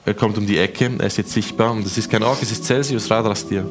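A man from Switzerland narrating as game master of a tabletop game, slow and dramatic, voicing figures' quotes. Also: on the low side. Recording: music playing behind.

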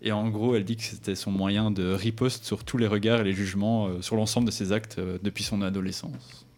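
A man's voice: lowish voice, fairly even intonation, brisk, darkish tone. A young man, co-hosting a casual chat show in a joking, self-mocking way. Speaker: co-host.

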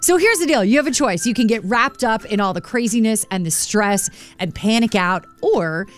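A woman with a fairly high voice chats as a radio morning co-host. Her talk is casual, with light music underneath. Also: lively intonation, normal speed.

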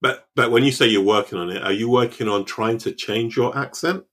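This interviewer has a medium-pitched, slightly bright voice with a breathy edge, and he talks a little fast. Hosting his podcast, he backs up his guest with constant supportive murmurs and digs deeper with reflective questions.

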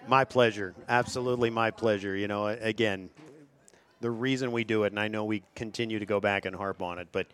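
A man with a lowish voice calls a local high school football broadcast. He reads out names and stats in an even, steady way. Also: clean tone. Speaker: play-by-play announcer. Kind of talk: local sports broadcast commentary.

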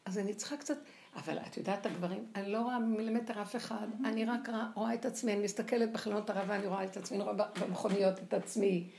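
Older woman lecturer, animated and gravelly, recorded in a roomy space. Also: medium pitch. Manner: animated, acts out quoted voices. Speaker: religious teacher. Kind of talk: lively spoken Torah lecture. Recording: echoey room with faint noise.

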